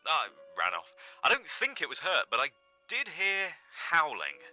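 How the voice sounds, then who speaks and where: A man playing a sheepish, nervous caller on a game's radio show, speaking haltingly. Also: on the high side, wildly swooping pitch, sharp tone, faint music behind, full character voice. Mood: uneasy. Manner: hesitant, halting. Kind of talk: dramatic game dialogue, phone-in confession.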